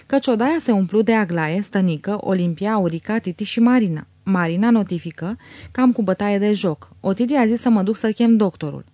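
A woman reading a novel aloud as an audiobook narrator, steady and measured. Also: mid-range voice, no echo.

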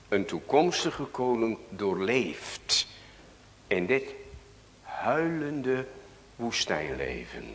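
A man's voice: medium pitch, fairly bright tone, long reverb tail, a little hiss or hum. A Dutch man preaching a sermon as pastor, reading scripture aloud and putting questions to the congregation.

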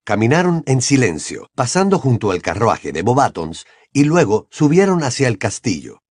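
Expressive male audiobook narrator. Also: mid-range voice, normal speed, slightly rough, no room sound, studio quality. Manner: expressive storytelling.

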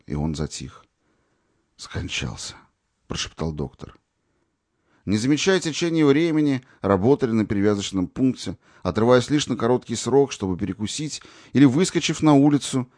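A man reading an audiobook in an expressive narrating voice. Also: lowish voice, dry recording, studio quality. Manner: expressive, varied.

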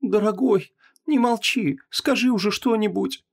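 A man voicing a desperate, furious young wife in an audiobook, his voice pushed high and shrill as she pleads and yells. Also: brisk, vocal fry. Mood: pleading. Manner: shrill, pleading turning to yelling.

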